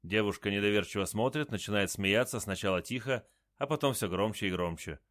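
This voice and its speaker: A man's voice: on the low side, fairly quick, fairly bright tone, no echo, clean studio sound. A man reading a first-person adventure story in a terse, matter-of-fact way. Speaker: narrator.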